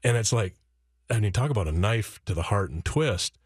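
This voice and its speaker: Low-voiced man telling a personal story. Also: expressive, moderate pace, slightly rough, dry recording, clean studio sound. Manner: earnest, quotes himself and his kids, many restarts. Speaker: author and guest. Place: radio studio.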